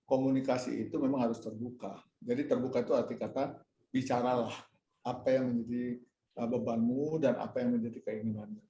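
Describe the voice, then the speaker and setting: At a church fellowship meeting, a man answers questions in a casual, sermon-like talk, telling a personal story, acting out his own dialogue, and addressing listeners as "Saudara." His voice is medium-pitched, level, brisk and dark, in an echoey room with slight background noise.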